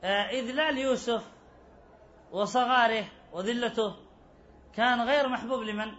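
A man's voice: extremely high pitch, moderate pace, fairly bright tone. A man teaching an Arabic grammar lesson. He repeats key phrases and asks his class rhetorical questions. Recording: dull lo-fi recording.

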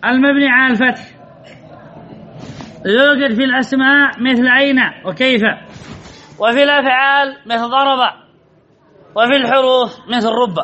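Man, very high bright voice, classroom teacher drilling the rules on a muffled recording. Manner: quizzes the class, repeats key points. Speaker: grammar teacher. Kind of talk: classroom lesson with student questions.

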